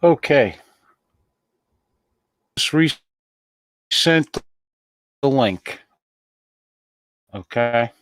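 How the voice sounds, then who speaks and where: A man's voice: medium pitch, expressive, drawn-out words, pauses often, no echo, studio quality. Exasperated cursing male show host. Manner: exasperated, curses. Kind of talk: profane casual talk show.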